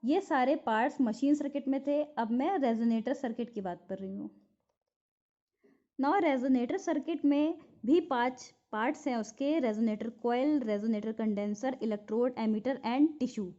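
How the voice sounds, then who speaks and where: This woman, a physiotherapy teacher with an Indian accent, works through her lecture notes at a moderate pace, explaining and repeating what should be memorized. Her voice is on the high side and warm, in a dull lo-fi recording.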